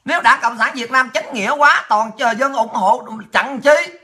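A woman's voice: on the high side, moderate pace, sharp tone. A woman hosting a political livestream, ranting angrily and taunting her critics with profanity. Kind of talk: angry ranting monologue.

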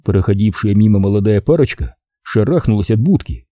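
A man narrating a first-person audiobook in a wry, measured storytelling manner on a close studio mic. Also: on the low side, animated, warm tone, no room sound.

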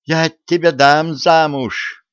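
Man doing a fiery young widow, shrill and scolding, raised pitch, dry muffled sound. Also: lively intonation, moderate pace, no echo, natural voice. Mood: furious.

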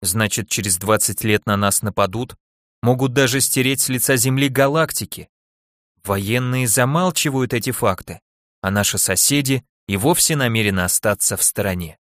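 A man voicing an indignant, quick-tempered young woman officer in an audiobook, speaking in a raised voice and exclaiming often. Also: mid-range voice, fairly bright tone, no room sound, clean studio sound, lightly acted. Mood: brooding.

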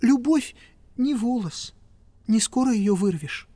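A woman's voice: on the high side, expressive, takes it slowly, dark tone, no echo, pitched above the performer's own voice. A woman voicing a nervous, tearful man who pleads in a trembling way in an audiobook reading. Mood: earnest. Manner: pleading, tremulous.

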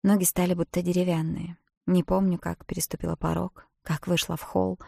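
A woman reads a novel aloud in the first person, her voice set a little low and kept expressive. She drops to a hush at tense moments, recorded close and dry with no room sound. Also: fairly quick, vocal fry, breathy edge, dry recording. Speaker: audiobook narrator. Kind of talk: scripted first-person narration.

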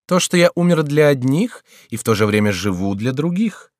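A man's voice: medium pitch, very animated, moderate pace, dry recording, studio quality, pitched above the performer's own voice, natural voice. A man voicing a sardonic male court jester who teases and scolds a king in an audiobook. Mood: mocking.

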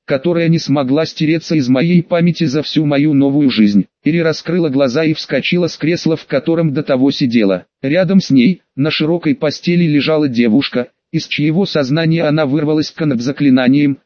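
Male audiobook narrator, slightly high voice. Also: a little fast, hardly any pauses, a little mellow, no echo, lo-fi sound. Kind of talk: scripted fantasy audiobook narration.

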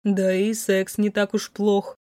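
A woman voicing a cold, contemptuous wealthy young man who drawls slowly and mockingly, recorded dry. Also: mid-range voice, flat delivery, dark tone, no room sound, natural voice. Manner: slow, mocking, icy drawl.

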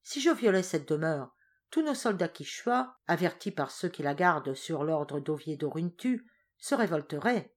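A woman's voice: low-pitched, sing-song, moderate pace. A woman reading an audiobook voices a sly male war minister who reports carefully to his master. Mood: cautious.

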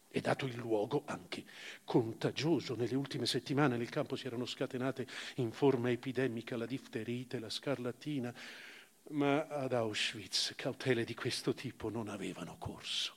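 A male actor with a medium-pitched, husky voice and vocal fry gives a measured, theatrical narration of a literary memoir, voicing a grave, reflective former camp prisoner recounting his past. The mood is hushed and sombre. It's a live stage reading for radio in a long, reverberant hall with live music.

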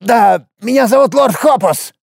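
A man voicing a cowardly red-skinned dwarf lord with a creaky, squealing voice. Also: animated, a little slow, no room sound, clean studio sound, exaggerated voice. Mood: stammering scared. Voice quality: creaky, shrill. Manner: squealing, wheedling bargainer.

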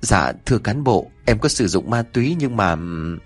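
A man's voice: fairly low pitch, lively intonation, normal speed, breathy edge, soft background music. Man doing a panicky pleading driver.

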